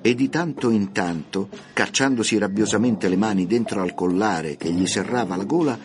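A man narrating a classic children's story for radio, reading in a measured, expressive way. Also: fairly low pitch, soft background music.

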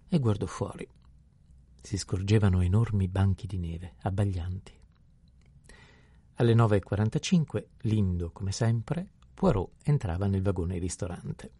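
A man narrating an audiobook in a steady, measured reading style. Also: low-pitched, slightly rough, no room sound. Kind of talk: scripted narration.

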